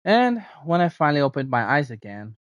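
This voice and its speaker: A man's voice: on the high side, sing-song, a little fast, dull audio, a little hiss or hum. A man streaming a game, casually commenting and reading aloud as he plays. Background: faint game music.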